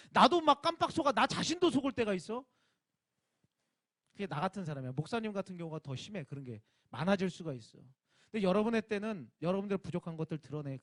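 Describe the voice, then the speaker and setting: High-voiced man preaching casually to teens. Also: no room sound. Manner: talks informally and directly to students, with emphatic rising bursts. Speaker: youth pastor. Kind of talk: casual sermon to teenagers.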